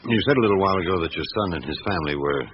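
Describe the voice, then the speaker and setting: A low, measured male voice plays a patient police inspector in a radio drama, probing with hesitant questions. The old recording is dull, with clear background noise. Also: expressive. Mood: polite, probing. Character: patient, probing French police chief inspector, middle-aged man.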